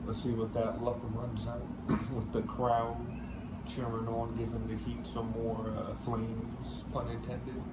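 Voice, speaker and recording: A man's voice: mid-range voice, monotone, measured pace. A man in a casual sports chat, giving loose, rambling, noncommittal commentary. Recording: roomy echo with clear background noise.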